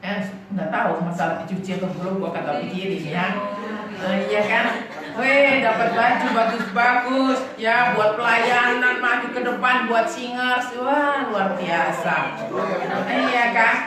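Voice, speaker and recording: High-voiced woman preaching in an echoey hall. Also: a little slow, crowd noise. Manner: lively storytelling, keeps asking the congregation "right?"; casual and chatty, often laughing as she tells stories. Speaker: pastor. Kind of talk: preaching with personal stories. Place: church. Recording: echoey church hall from a distant mic.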